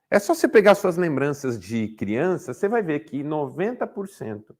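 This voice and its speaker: A man speaks to a group of men in a motivational talk. His voice sits fairly high and swings widely in pitch. He keeps the listeners engaged by throwing questions at them and playing out short exchanges. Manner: animated, acts out little dialogues, rhetorical questions. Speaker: speaker at a men's group, therapist.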